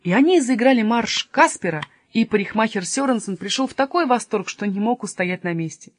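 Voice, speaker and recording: Woman reading a story with lively expression. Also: a little high, a little fast, dry recording, clean studio sound. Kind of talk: reading a children's story aloud.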